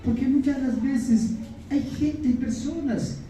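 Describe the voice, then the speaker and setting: Slow, dark-voiced preacher in an echoing church. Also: male voice, very high-pitched, slight background noise. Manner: earnest, calls out to the congregation with repeated questions. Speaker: pastor. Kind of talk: sermon. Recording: echoey church hall, mic far off, faint music.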